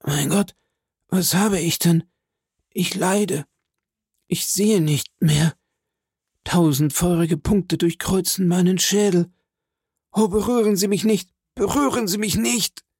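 A man voicing a faithful old male servant who is stricken and failing, speaking in a slow, breathy, pained voice for a storybook reading. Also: high voice, steady tone, a little mellow, no room sound, studio quality, pitched above the performer's own voice, heavily acted. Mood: anguished.

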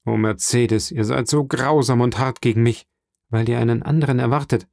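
A man's voice: mid-range voice, steady tone, normal speed, creaky, a little mellow, no echo, studio quality, lightly acted. A man reading an audiobook, voicing a jealous, brooding young fisherman with an insistent delivery. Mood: pleading, jealous.

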